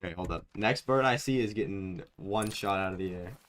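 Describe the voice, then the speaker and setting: A man's voice: sits low, brisk, a bit bright. Laid-back young man streaming games. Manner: laid-back, rambling, self-mocking, says like and dude often. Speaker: game streamer. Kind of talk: casual live-stream chat while gaming.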